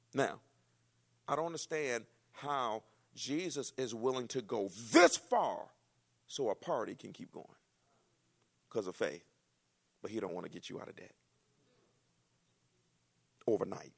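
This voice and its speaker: Male pastor, gravelly, animated sermon delivery, acts out scenes. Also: mid-range voice. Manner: animated preaching, acts out dialogue, rises to shouts.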